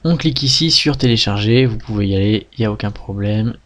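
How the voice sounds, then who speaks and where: A man, patiently walking viewers through a software tutorial step by step, often checking "d'accord?". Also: fairly low pitch, a little fast. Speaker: web tutorial instructor. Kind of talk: screen-recorded software tutorial.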